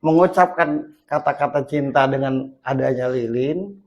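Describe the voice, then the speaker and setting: A man hosting a casual talk about marriage, thinking aloud and acting out examples, his voice swinging from loud to hushed. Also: medium pitch, normal speed. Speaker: host.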